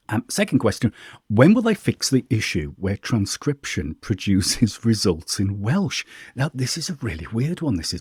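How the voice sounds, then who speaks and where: A man hosting a casual question-and-answer video, chatting informally and thinking aloud while he demonstrates software. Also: low-pitched, husky, dry recording, studio quality. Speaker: host answering viewer questions. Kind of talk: casual screen-share walkthrough.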